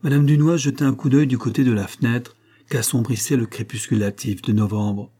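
Man reading a novel aloud, steady pace, mellow and a bit husky. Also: mid-range voice, brisk. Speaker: audiobook narrator. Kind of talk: scripted narration.

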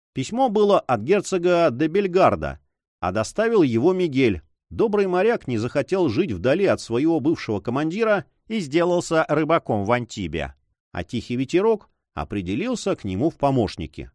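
A male narrator reads a novel aloud in an even storytelling manner. His pitch is lively and the recording is dry and close, with no room echo. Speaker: audiobook narrator. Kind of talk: scripted narration.

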